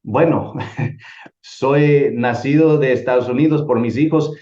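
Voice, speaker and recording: A middle-aged man from El Salvador giving an earnest church missions lecture, often pausing and restarting phrases. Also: mid-range voice, warm tone. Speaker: missions teacher. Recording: roomy, dull lo-fi sound.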